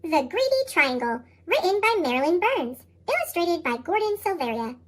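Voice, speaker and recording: A storybook reader whose voice runs through a chipmunk effect, squeaky and sky-high. The reading hops up and down in a lively sing-song and bounces through rhyming verse. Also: normal speed. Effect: sped-up, high chipmunk-style pitch shift. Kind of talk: reading picture books aloud.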